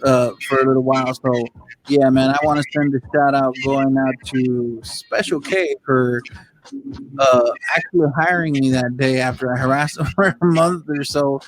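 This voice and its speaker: A man hosting an online radio show, talking casually in chummy street slang and giving shout-outs. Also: mid-range voice, steady tone, normal speed, slight background noise, rough recording. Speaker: show host.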